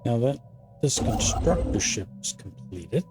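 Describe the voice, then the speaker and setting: A man in his fifties talks his way through a strategy game in a relaxed, mid-pitched voice. He chats easily, pokes fun at himself, and shifts into slow, careful reading whenever game text comes up. Game music plays clearly underneath him. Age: 50s. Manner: chatty and self-deprecating, slows down to read game text aloud. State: sleepy, yawning. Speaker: gaming channel host. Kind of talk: casual gameplay commentary.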